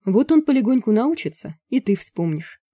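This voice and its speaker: A woman's voice: fairly high pitch, very animated, moderate pace, dark tone, breathy edge, no room sound, pitched above the performer's own voice. Woman reading wry, snide man, raised voice, dry sound. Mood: reassuring. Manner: snide, mocking.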